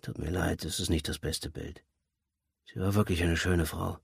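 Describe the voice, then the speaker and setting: A man voicing a gruff older father and former punk, murmuring at times and calling out loud at others, in a storybook reading. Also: medium pitch, big pitch swings, brisk, dry recording, studio quality, pitched above the performer's own voice. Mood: wistful.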